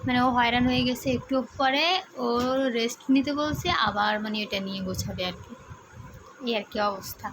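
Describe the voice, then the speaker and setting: A mother speaks in a high, sweet voice at home. She coaxes her little son with affectionate baby-talk between asides to viewers. A faint household noise sits behind her. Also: fairly quick. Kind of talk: casual home vlog, talking to child and viewers. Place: home, bedroom.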